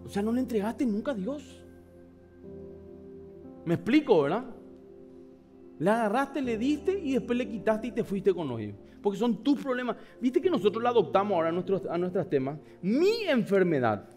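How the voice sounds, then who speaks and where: Pastor, very high voice, fiery sermon swinging between shouts and hushed asides, faint music underneath. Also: male voice, sing-song, moderate pace. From Paraguay. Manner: passionate preaching with sudden shouts and hushed asides; acts out voices of the people in the story.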